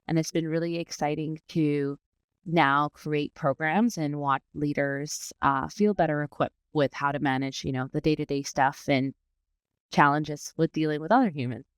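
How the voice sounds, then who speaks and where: A woman born in Iran and partly raised in Dubai, a learning and development manager, answers conversationally as an interview guest about her professional work. Her low-pitched voice has a clean tone, recorded with clean studio sound and no room sound.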